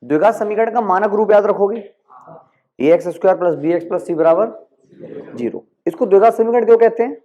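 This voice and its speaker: High-voiced man tutoring maths, lo-fi. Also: dark tone. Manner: coaxing, asks quick check questions and answers them himself. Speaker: maths teacher. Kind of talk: classroom-style exam tutoring. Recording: dull lo-fi recording.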